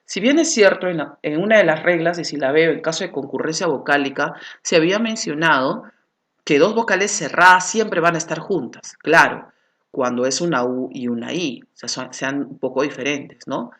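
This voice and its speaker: A woman's voice: deep voice, normal speed, a bit bright. A woman teacher giving a grammar lesson, explaining patiently and often checking in with rhetorical questions.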